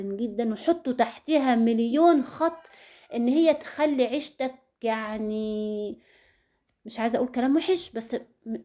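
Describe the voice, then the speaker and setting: A woman with an Egyptian Arabic accent offers earnest marriage advice directly to her viewers, repeating words for emphasis. Her voice sits high and has a warm tone.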